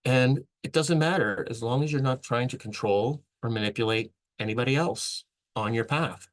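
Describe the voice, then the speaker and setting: A man's voice: mid-range voice, normal speed, low-quality recording. A man hosting a vlog, delivering an earnest, rambling motivational monologue with frequent restarts. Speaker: vlog host.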